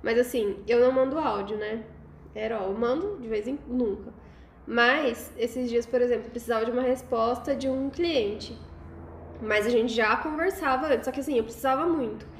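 A woman's voice: fairly high pitch, normal speed. A woman with a Brazilian Portuguese accent co-hosting a podcast among friends, terse and matter-of-fact. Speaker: podcast co-host. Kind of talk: casual chat among friends. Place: friend's home. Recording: roomy home recording, faint hiss.

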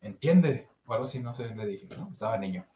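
A man's voice: fairly low pitch, rapid-fire, a little mellow. Young Mexican man telling a story. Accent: Mexican Spanish. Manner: storytelling, acts out voices in his anecdote. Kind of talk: casual chat. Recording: roomy echo, faint noise.

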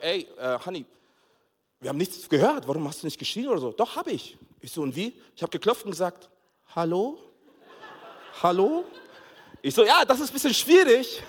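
A man with a fairly high voice tells a story from the pulpit, acting out the voices of his family and breaking into laughter. His sermon rings through a church hall with a long reverb tail, and his delivery rises and falls with the story. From Togo. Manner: animated storyteller, acts out family dialogue, laughs often. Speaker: pastor.

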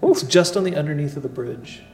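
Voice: medium pitch, expressive, brisk, a crowd in the background. A game master narrating a tabletop role-playing game to the players. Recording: echoey hall, music behind.

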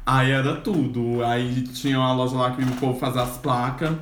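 A man's voice: mid-range voice, little pitch movement, moderate pace, a bit bright. A man co-hosting a casual podcast, telling rambling, roundabout stories. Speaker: podcast co-host. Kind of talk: casual chat. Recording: echoey room, faint noise.

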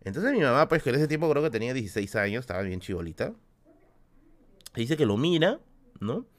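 A young man with a Peruvian accent, a streamer telling spooky stories in a casual way and ending his lines with quick tag questions. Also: mid-range voice. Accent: Peruvian Spanish. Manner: animated, tags lines with "¿no?". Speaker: streamer host.

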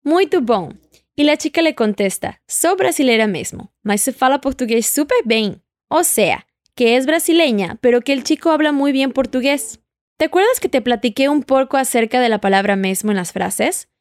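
A woman leads an audio language lesson, her voice sitting a little high. She speaks patiently and keeps prompting the listener to repeat after her. The sound is close and dry, with no room around it. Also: animated, moderate pace, no echo. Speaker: Portuguese teacher.

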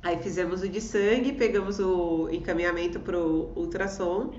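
Animated woman telling a story in an echoey room. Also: on the low side, normal speed, highs cut off, a little hiss or hum. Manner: animated, acts out quoted voices, laughs often. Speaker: guest telling a personal story. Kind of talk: casual storytelling conversation.

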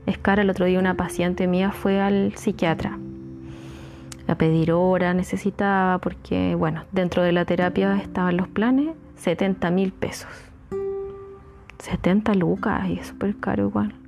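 A woman's voice: on the low side, fairly even intonation, normal speed, gravelly, music in the background. A woman with a Chilean accent, a psychologist hosting a podcast, talking casually and earnestly, repeating her advice to urge listeners. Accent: Chilean Spanish.

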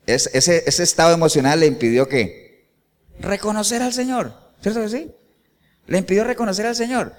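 Man, pastor preaching, lively swinging pitch, fairly high voice, rhetorical questions, long hall reverb. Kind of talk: sermon.

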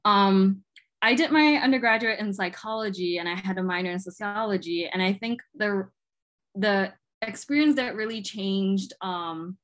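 A woman's voice: mid-range voice, normal speed, fairly bright tone. A young woman from Malaysia, a graduate student guest on a podcast, talking casually with lots of "um" fillers over a call. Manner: chatty, many "um" fillers. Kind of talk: casual interview talk. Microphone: video call.

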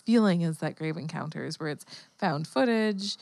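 Casting: young woman, lowish voice, loose chatty podcast host, dry close sound. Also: expressive, normal speed, vocal fry, a little mellow, dry recording. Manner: laughs often, rambling with fillers. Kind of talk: casual chat.

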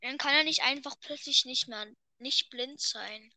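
A very bright, high-pitched woman chats offhandedly as a podcast guest and picks at the jokes. She is munching on snacks while she talks. Her voice sounds close and completely dry. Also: a little slow, no room sound. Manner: offhand, chatty, nitpicks the jokes. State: eating while talking. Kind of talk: casual chat.

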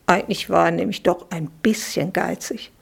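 A woman, the author, reading her children's bedtime story aloud, giving the children lively little voices. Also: lowish voice, normal speed, vocal fry, husky.

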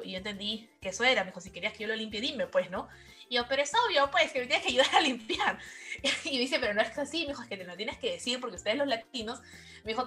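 A Peruvian woman speaks as an interview guest in a bright, forward voice, with her Peruvian Spanish accent clear in her speech. She tells anecdotes in a casual, lively way, often quoting what her partner said back to her. Faint music plays behind her. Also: medium pitch. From Peru. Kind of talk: casual conversational storytelling.

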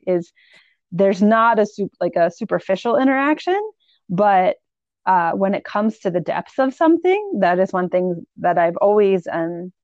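Woman, from Philadelphia, mellow warm tone, somewhat muffled recording, thoughtful host. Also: mid-range voice, expressive, unhurried, no room sound. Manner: thoughtful, searching for words. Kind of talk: reflective conversation.

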